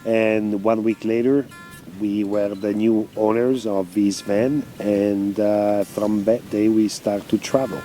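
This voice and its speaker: Italian-accented man, low and unhurried, halting English, faint guitar music behind. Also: little pitch movement, mellow. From Italy. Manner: halting, simple non-native English with many fillers. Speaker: interviewed traveler. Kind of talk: casual interview.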